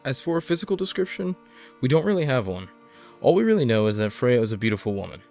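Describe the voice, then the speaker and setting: A man's voice: medium pitch, sing-song, fast, darkish tone. Man narrating an explainer over music. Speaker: video essay narrator.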